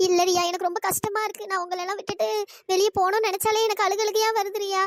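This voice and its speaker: A woman's voice: very high-pitched, flat delivery, very fast, no echo, clean studio sound. A woman voicing a tearful young woman in a cartoon story, pleading as she prepares to leave home. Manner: sobbing, pleading.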